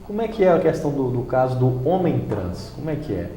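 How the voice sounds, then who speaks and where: A man's voice: mid-range voice, big pitch swings, fast talker, mellow, roomy sound, slight background noise. A man hosting a TV studio interview, asking short questions and recapping the answers. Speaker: TV host.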